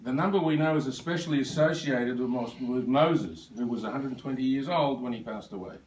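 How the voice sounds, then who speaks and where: A man's voice: medium pitch, a little fast, darkish tone, a little hiss or hum. Older man, rambling speech with asides, recorded from a distance in a roomy hall. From Australia. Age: 70s. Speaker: birthday speaker. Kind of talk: speech at a birthday lunch. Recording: echoey room, voice from far off.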